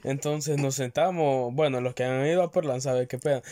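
A young man with a Honduran accent, telling a rambling story among friends with many halting restarts, recorded on a phone. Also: medium pitch, steady tone, dark tone. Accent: Honduran Spanish. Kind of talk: casual chat.

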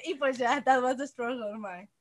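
A woman with a Costa Rican accent recounting dreams in casual chat, animated and swearing freely, slipping into English. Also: high-pitched, unhurried. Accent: Costa Rican Spanish.

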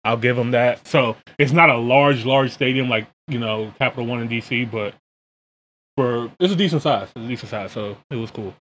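A man's voice: mid-range voice, moderate pace, a bit bright, rough recording. An American man hosting a podcast, chatting casually in a colloquial, slangy way. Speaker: podcast and reaction video host. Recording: clear background noise.

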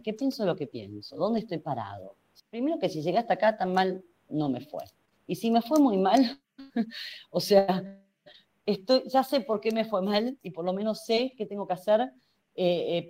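On a radio program, a woman psychologist with a Rioplatense accent responds to questions by asking herself rhetorical ones and thinking them through. Her voice is warm and on the low side.

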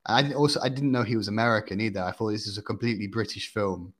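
A man with a somewhat low voice talks casually on a film podcast. He is hesitant and searches for his words, filling the gaps with "uh" and "um". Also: fairly even intonation, rapid-fire, fairly bright tone. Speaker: podcast co-host. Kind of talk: casual film review chat.

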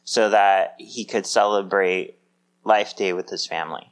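Brief: male podcast co-host, lowish voice, casual, easily amused. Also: a little slow, clear, resonant tone. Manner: laughs often, animated bursts of excitement. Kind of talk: casual chat.

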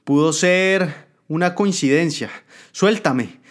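A man's voice: on the high side, takes it slowly, voice pushed up. A man voicing a frightened pleading woman adviser. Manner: pleading, indignant. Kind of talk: dramatic storytelling.

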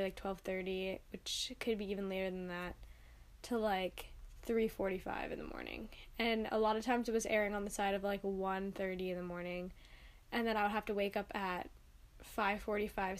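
A young woman hosting a casual solo podcast, sounding tired and stuffy-nosed, talking in an informal, rambling and emphatic way. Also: a little high. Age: young adult. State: tired, congested. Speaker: podcast host.

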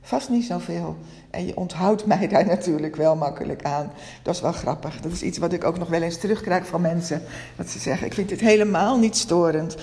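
A woman coach hosting her own podcast who speaks gently and openly in a reflective monologue, stutters now and then, and swaps in other words. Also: on the low side, a little fast, big-room sound.

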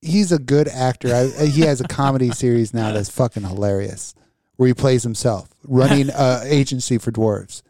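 A man's voice: medium pitch, moderate pace, mellow, no echo, studio quality. A man co-hosting a podcast in crude, casual chat, ranting with lots of swearing and laughing often. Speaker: podcast co-host.

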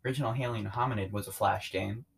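Laid-back man with a lowish voice. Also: steady tone, quick pace, gravelly, husky, poor audio. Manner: laid-back, offhand remarks. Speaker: podcast co-host. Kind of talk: casual chat.

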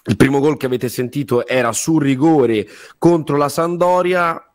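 A man's voice: a little high, moderate pace, no echo. Dry-sounding male sports radio host. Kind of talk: conversational sports radio presenting.

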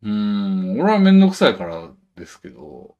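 A man's voice: fairly low pitch, big pitch swings, normal speed, darkish tone, lo-fi sound. A man with a Kansai Japanese accent hosting a casual podcast chat, laid-back, with many short backchannel replies. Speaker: podcast host.

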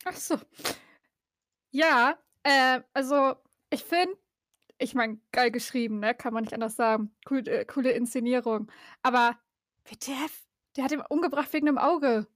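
A woman's voice: high voice, moderate pace, a bit bright, no echo, clean studio sound. A young woman with a laid-back, slangy way of talking, chatting and telling a short campfire story.

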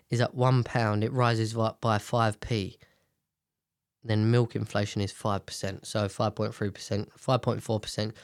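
A man's voice: medium pitch, dry recording, clean studio sound. A British man hosting a casual, rambling commentary on the news in a nasal voice, congested from a sinus infection, blunt and sweary. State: blocked nose from sinus infection. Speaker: host.

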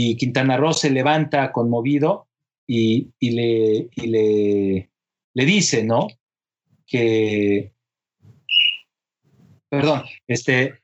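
Animated man retelling history. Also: fairly high pitch, lo-fi sound. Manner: animated retelling, acting out dialogue, frequent "¿no?" tags and fillers. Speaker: history storyteller. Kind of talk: conversational history storytelling.

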